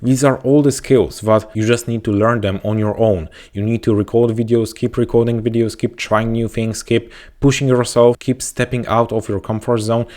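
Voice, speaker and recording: This Polish-accented YouTube growth coach, a man from Poland using English as a second language, offers earnest, repetitive pep talks to camera from an indoor setting. He speaks at medium pitch with a level, darkish tone, at normal speed and with hardly any pauses.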